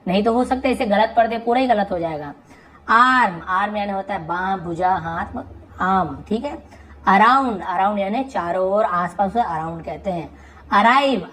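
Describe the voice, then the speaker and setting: A woman tutor teaching English vocabulary in Hindi. She calls out each word loudly and then explains it patiently in a lower voice. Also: poor audio.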